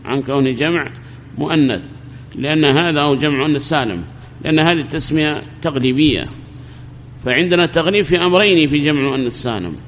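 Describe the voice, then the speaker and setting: A man giving a recorded grammar lesson, explaining slowly and repeating his examples, with questions he then answers himself. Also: fairly high pitch, fairly bright tone, long reverb tail, slight background noise. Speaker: grammar teacher.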